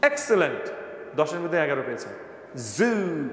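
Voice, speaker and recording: In a reverberant classroom with a little background noise, a male pronunciation teacher joshes with his students and calls on them by name to quiz them. His fairly high, fairly bright voice moves at a normal speed with big swings in pitch.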